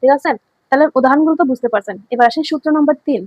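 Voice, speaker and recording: Brief: female teacher, high voice, dry close sound, quizzes the class and answers herself. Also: racing, no echo, muffled recording. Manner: asks students questions then answers them herself; repeats key words for emphasis. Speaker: grammar teacher. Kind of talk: online classroom lesson.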